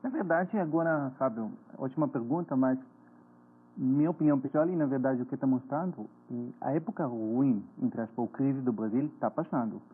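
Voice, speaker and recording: An Israeli man in his forties, a finance author appearing as a guest on a TV interview, explains things earnestly and a bit haltingly in his Israeli accent. His medium-pitched voice has a breathy edge, and the broadcast sounds tinny, almost like a phone line.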